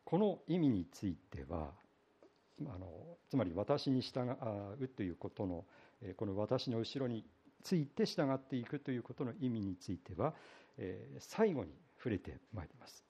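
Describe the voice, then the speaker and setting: A pastor from Iwate, Japan, preaching a conversational sermon, telling the story in a relaxed, folksy way with many hesitations. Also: male voice, medium pitch, normal speed, breathy edge.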